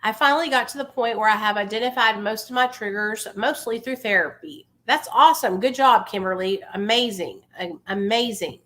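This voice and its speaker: Talking fast with hardly any pauses, a woman livestreams about addiction recovery, addressing viewers in a familiar, informal way. Her mid-range voice is bright and forceful as she delivers an impassioned motivational talk, emphatic and insistent, repeating phrases for emphasis.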